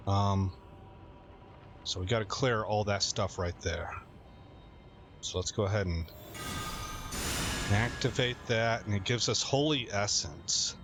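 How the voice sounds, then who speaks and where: A man's voice: fairly low pitch, a bit bright. A man hosting a gaming channel, giving rambling, chatty commentary while he plays and laughing at his own stories. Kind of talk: casual game commentary.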